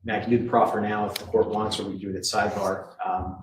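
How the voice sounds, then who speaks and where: A man, a prosecutor, questioning a witness in formal, measured tones, heard in a courtroom recording. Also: lowish voice, little pitch movement. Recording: echoey courtroom with faint noise.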